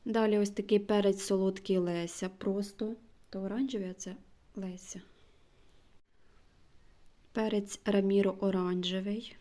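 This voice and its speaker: A woman vlogger in casual show-and-tell chat, slowly reading out names and sometimes dropping to a near-whisper. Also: mid-range voice, steady tone, mellow. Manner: chatty, slow, reads out names one by one; drops to a near-whisper when reading labels. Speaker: gardening vlogger.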